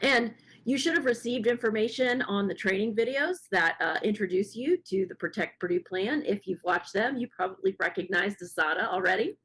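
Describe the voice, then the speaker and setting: Hoarse woman speaking on a webinar. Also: mid-range voice, brisk, a bit bright, rough recording. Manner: earnest, with many fillers. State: hoarse, losing her voice. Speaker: faculty speaker at student welcome session. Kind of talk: welcome address on a webinar. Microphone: video call.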